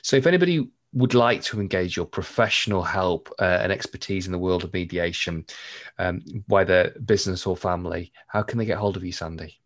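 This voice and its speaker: A low-voiced man hosts a conversational interview. He speaks in a measured, reflective way, like a coach thinking aloud. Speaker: podcast host.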